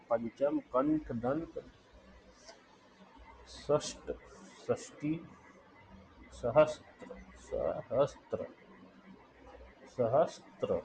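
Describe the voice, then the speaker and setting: A man teaching a spelling lesson, dictating words slowly and repeating each one deliberately. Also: medium pitch, warm tone, highs cut off, slight background noise.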